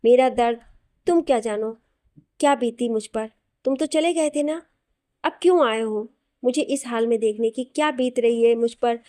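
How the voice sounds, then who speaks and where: A woman's voice: fairly high pitch, moderate pace, warm tone, dry recording, clean studio sound, close to an everyday voice. A woman voicing a young wife who is hurt and reproachful toward her husband. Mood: bitter. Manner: cold, reproachful.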